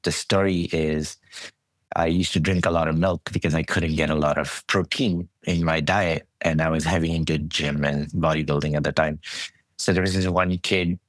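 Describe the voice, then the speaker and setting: Middle-aged male guest, very low pitch, dry recording, easygoing and chatty. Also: normal speed, dry recording. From Saudi Arabia. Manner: relaxed storytelling, frequent restarts. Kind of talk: conversational interview.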